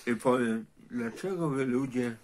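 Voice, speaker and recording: A man's voice: mid-range voice, a little slow, crowd noise. A man talking casually on camera, plaintive, rambling and emotional.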